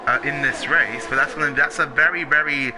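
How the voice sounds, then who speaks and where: A man's voice: a little high, fairly even intonation, fairly quick. Lighter-voiced male motorsport commentator over engine noise. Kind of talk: live sim racing play-by-play commentary. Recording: clearly noisy, engine sound behind the voice. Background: racing car engines from the game.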